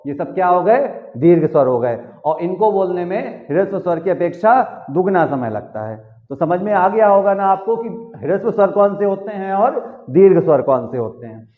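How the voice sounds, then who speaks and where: A man's voice: high voice, big pitch swings. A man teaching a Hindi lesson to children, stretching out vowels and answering his own questions. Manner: drawn-out vowels and rhetorical questions he answers himself. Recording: echoey room, phone-like narrow sound.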